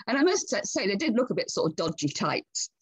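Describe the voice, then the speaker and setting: A woman author chatting as a podcast guest, talkative and quick to laugh as she tells stories. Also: medium pitch, slightly rough, dry recording. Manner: chatty, laughs often, lively storyteller. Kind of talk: casual interview chat.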